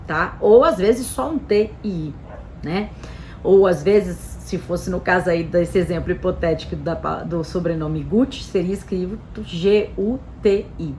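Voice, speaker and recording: A woman with a mid-range voice and a Brazilian Portuguese accent presents a channel as an Italian citizenship specialist, explaining things casually to camera with animated emphasis. She is chatty and often tags her sentences with "né" and "tá." There is slight background noise.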